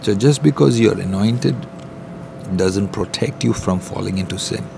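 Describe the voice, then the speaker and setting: A low-voiced man records an informal devotional podcast in an airport terminal, with rumbling noise behind him. His voice is gravelly, and he teaches earnestly as a pastor, halting and restating phrases.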